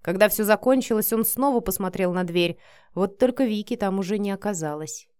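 A woman narrating a novel as an audiobook in a measured, steady reading. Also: mid-range voice, smooth, dry recording, clean studio sound.

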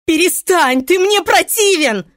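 A woman's voice: medium pitch, slow, darkish tone, breathy edge, dry recording, studio quality. Woman voicing a terrified young woman. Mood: screaming. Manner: crying out in alarm. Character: frightened young woman fighting for her life.

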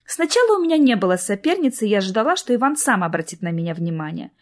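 A woman reading the lines of an earnest, hesitant young woman in love, in a soft, plaintive way. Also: mid-range voice, sing-song, fast, close to an everyday voice.

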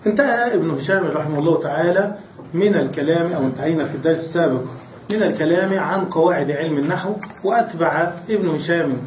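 Man, high voice, grammar lecture, rhetorical questions, dull muffled sound. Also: quick pace, a little hiss or hum. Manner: asks questions and answers them himself. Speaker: religious scholar teaching grammar. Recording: distant, roomy, dull lecture recording.

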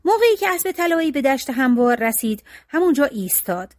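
A woman storyteller reads a folk tale aloud with an expressive, lilting delivery. Her fairly high voice swoops through a very lively melody. The recording is dry and close, with no room sound. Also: dry recording. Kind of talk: storybook reading.

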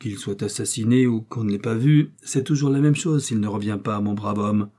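A man reading an audiobook aloud and voicing a fierce, domineering brigand baronet who barks impatient questions, in a husky, dark voice. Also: lowish voice, normal speed, close to an everyday voice. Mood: cold. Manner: harsh, impatient, barking questions.

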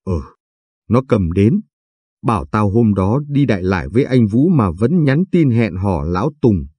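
Man reading teary young woman blaming herself, mellow husky voice. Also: fairly low pitch, very animated, measured pace, no echo, exaggerated voice. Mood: tearful. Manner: pleading, self-blaming. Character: tearful, guilt-ridden young woman. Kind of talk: audiobook reading.

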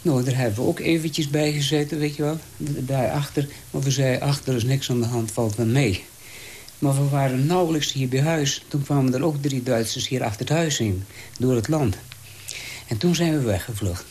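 An elderly man tells his story plainly and haltingly, often adding little tag phrases. His voice sits at an ordinary middle pitch for a man, with a faint hiss behind it. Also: a little mellow. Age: 80s. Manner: halting, plain-spoken storytelling, frequent "weet je wel". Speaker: eyewitness interviewee. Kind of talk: recounting a wartime memory.

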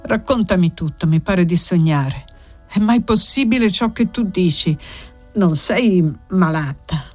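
An alarmed old shepherd fires off worried questions in a fatherly way, as a woman reading an audiobook gives him voice. His voice sits fairly low and is read with care, and faint music plays softly underneath. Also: animated, measured pace. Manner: anxious questioning. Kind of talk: audiobook character voice.

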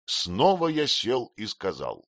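A man with a low voice narrates a novel in the first person. His reading is expressive and measured, with lively swings in pitch. The recording is dry and close, with no room sound. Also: no room sound. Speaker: audiobook narrator.

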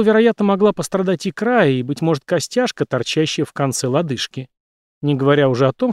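A male narrator reads a thriller aloud with animated, dramatic delivery. His voice sits somewhat high and ranges widely. The recording is dry and close. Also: dry recording. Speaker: audiobook narrator. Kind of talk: expressive audiobook narration.

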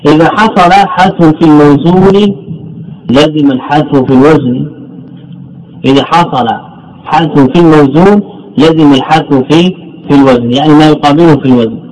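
A man's voice: a little high, normal speed, darkish tone, low-quality recording. A man teaching Arabic word patterns as a sheikh's lecture, repeating phrases, asking questions and answering them himself, and drawing out the example words. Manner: drawls and stresses the example words. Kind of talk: classroom lecture on grammar.

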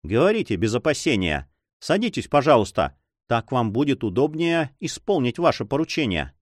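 A man's voice: medium pitch, very animated, moderate pace, dry recording, clean studio sound, pitched above the performer's own voice. A man voicing an eager young nobleman in love who pleads impatiently.

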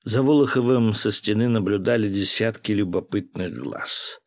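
Low-voiced male audiobook narrator. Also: moderate pace, no echo. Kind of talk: audiobook narration of historical fiction.

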